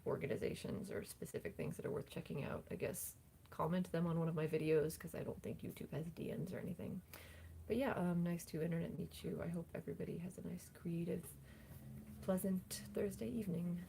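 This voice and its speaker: A woman's voice: on the low side, creaky, dark tone, slight background noise. A young woman chatting casually on a livestream in a rambling, self-deprecating way. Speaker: livestream host, singer-songwriter.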